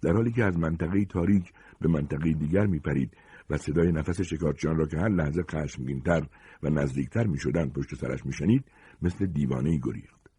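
A man reading a short story aloud with expressive, dramatic narration. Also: very deep voice, slightly rough.

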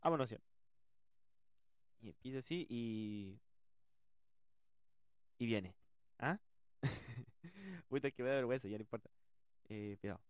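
A man telling a comic personal story in slangy, animated speech. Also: medium pitch, slow pace, pauses often, no echo. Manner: animated, loud outbursts, slangy.

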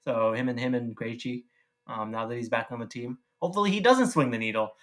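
A man's voice: mid-range voice, a little fast, a bit bright. A man co-hosting a casual sports podcast, talking loosely with fillers and swearing. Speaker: podcast co-host.

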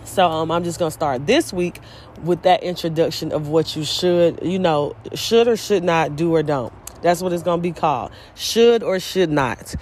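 A woman's voice: low-pitched, steady tone, moderate pace, darkish tone, rough recording. Woman vlogger, casual chat, opinionated and profane, filler-heavy, faint background noise. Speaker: vlogger and small business owner.

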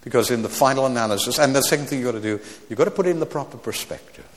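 A man in his seventies preaching a sermon, swinging from loud exclamations to quiet asides, with stammered restarts and wry humorous remarks. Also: mid-range voice, very fast, in a large hall. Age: 70s.

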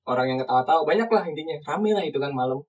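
Husky young man telling a story far from the mic. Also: on the high side, racing, muffled recording. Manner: animated storyteller, sudden loud outbursts. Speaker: podcast co-host. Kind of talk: casual podcast storytelling. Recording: distant mic in a room at home.

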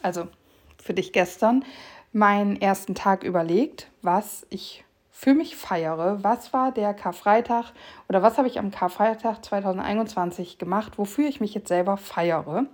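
A woman's voice: mid-range voice, normal speed, a little mellow. A young woman hosting her own podcast, chatting casually and rambling with fillers and restarts. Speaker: podcast host. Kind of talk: casual solo podcast talk.

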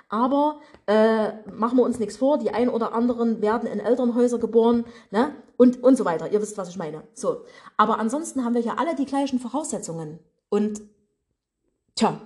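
A woman's voice: fairly high pitch, darkish tone. German woman coach with a regional dialect. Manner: colloquial, direct, speaks straight to listeners. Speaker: business and mindset coach. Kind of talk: motivational podcast monologue. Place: her office.

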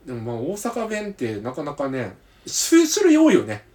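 A man's voice: a little high, huge pitch swings, normal speed, a little mellow. A man with a Kansai accent hosting a podcast in casual chat, laughing easily and reacting playfully to his guest. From Hyogo, Kansai, Japan. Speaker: podcast host.

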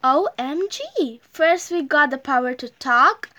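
Excitable squeaky puppy girl in a kids' storybook, bright and lively, as a woman puts her on. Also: measured pace, full character voice. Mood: excited.

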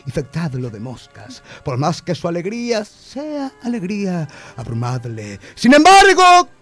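A man's voice: a little high, fairly bright tone, exaggerated voice. A man with an Argentine accent playing a stage actor who declaims classic lines grandly, then argues with his director. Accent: Rioplatense Argentine. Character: earnest, pompous male actor rehearsing a classic.

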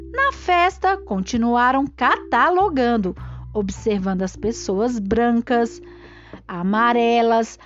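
A woman reading a story aloud to young children in an expressive, careful storytelling manner, addressing them affectionately. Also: fairly high pitch, highs cut off. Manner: animated, slow and careful, addressing children affectionately as little friends. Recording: music bed behind the voice. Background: background music.

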